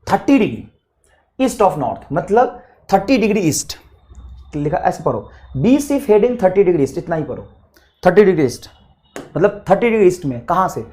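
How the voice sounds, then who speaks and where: A man teaching physics in a classroom lecture style, calling students "beta" and drawing out English question text slowly. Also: high voice, sing-song, darkish tone.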